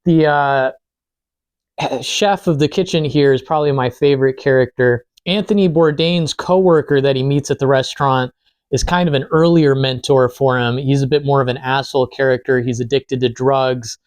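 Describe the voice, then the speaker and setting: Male film reviewer, medium pitch, informal and lightly profane, conversational delivery, dry close recording. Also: fairly even intonation, normal speed, darkish tone, no room sound. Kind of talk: casual film review chat while eating.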